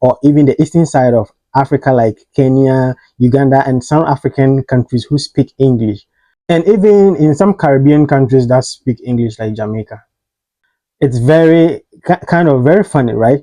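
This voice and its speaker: A man hosting a casual spoken pronunciation lesson, explaining patiently and repeating example words slowly for practice. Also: mid-range voice, warm tone, no echo, poor audio. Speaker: host.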